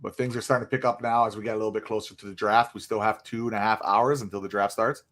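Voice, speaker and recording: A man's voice: lowish voice, fairly even intonation, fast, fairly bright tone. A young man hosting a casual hockey livestream, chatty and rambling with lots of fillers, tired and yawning from little sleep. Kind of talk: casual live stream chat.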